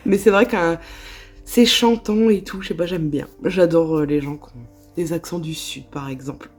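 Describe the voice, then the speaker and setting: A woman's voice: lowish voice, darkish tone. A woman with a Northern French accent, chatting casually in a vlog, with lots of fillers and small laughs. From northern France. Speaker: vlogger.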